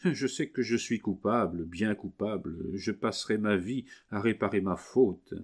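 A man's voice: fairly low pitch, measured pace, husky. A man voicing a guilty young husband who pleads fervently with his wife, in a French audiobook reading. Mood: pleading.

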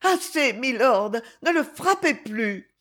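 A woman's voice: high-pitched, very animated, slow, fairly bright tone, voice pushed up, full character voice. A woman reading the part of a brave young girl who speaks with passion. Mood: pleading. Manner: impassioned and pleading. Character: brave young girl, pleading then defiant.

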